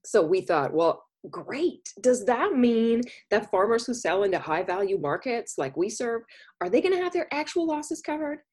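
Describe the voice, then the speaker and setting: A woman's voice: a little high, big pitch swings, normal speed, darkish tone. A woman from Minnesota hosting a podcast interview, chatty and conversational. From Minnesota, USA. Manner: chatty, with frequent fillers and restarts. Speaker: podcast host.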